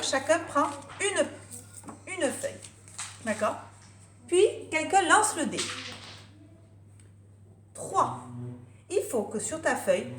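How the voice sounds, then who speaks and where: A woman teacher giving a remote lesson to young children, lively and drawing out words slowly, syllable by syllable. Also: high-pitched. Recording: echoey room, faint noise.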